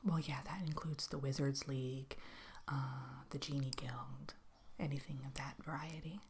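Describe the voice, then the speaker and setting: A woman in a whispered role-play, playing a chatty, polite fairy tale interviewer with a hesitant, conversational, softly questioning manner. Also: a bass voice, steady tone, moderate pace, a little hiss or hum. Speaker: ASMR role-play performer.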